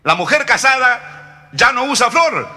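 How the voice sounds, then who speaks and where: A man with a Peruvian Spanish accent telling jokes on a comedy record in a punchy, lively way. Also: very high-pitched, measured pace, long reverb tail.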